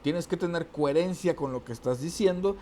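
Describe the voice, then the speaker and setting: Speaking fairly quickly in a mellow, somewhat high voice, a male teacher lectures on oratory against slight background noise. His step-by-step explanations are dotted with tag questions and restarted phrases.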